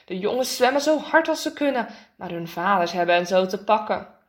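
A woman reading a children's storybook aloud in a lively way, acting out the characters' lines. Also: brisk. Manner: lively, voices the characters' lines with raised pitch. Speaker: narrator.

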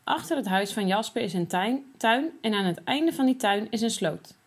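A woman reading a children's story aloud in an expressive storytelling manner. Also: mid-range voice, moderate pace, slightly rough. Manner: expressive, sing-song storytelling.

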